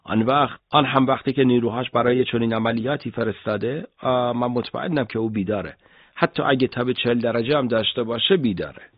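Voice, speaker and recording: A man voicing Hassan, an earnest and steady male villager who fights alongside the storyteller, in a read-aloud audiobook. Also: medium pitch, no room sound, natural voice. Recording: dull lo-fi audiobook recording.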